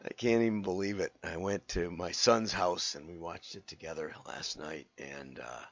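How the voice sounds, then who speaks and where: An older man who has partly lost his voice, hosting a casual talk in a hoarse, rambling, wry way. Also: sits low, normal speed. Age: older, 60s or above. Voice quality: hoarse, gravelly. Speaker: host and direct marketing consultant. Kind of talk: casual solo show talk with commentary. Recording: roomy, slightly dull lo-fi sound.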